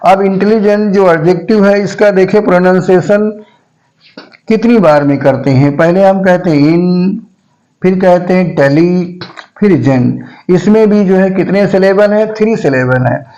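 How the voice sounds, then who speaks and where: A male teacher giving a grammar lesson, saying each word slowly and repeating it several times so students can follow. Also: high voice, warm tone, lo-fi sound.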